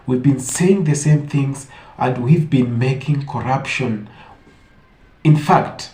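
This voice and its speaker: Slow and dark-toned at medium pitch, this African man delivers emphatic, opinionated commentary online, tossing out rhetorical questions. The room he records in is echoey.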